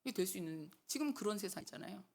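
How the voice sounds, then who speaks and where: A woman's voice: medium pitch, racing, creaky. A middle-aged woman preaching a sermon in a church, talking back and forth with the congregation and acting out quotes. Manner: animated, talks with the congregation and acts out quotes. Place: church hall.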